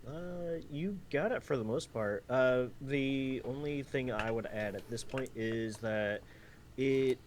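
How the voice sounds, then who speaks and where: A man chiming in on an online class, halting and restarting his sentences. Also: medium pitch, a little hiss or hum. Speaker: guest instructor. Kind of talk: casual voice chat.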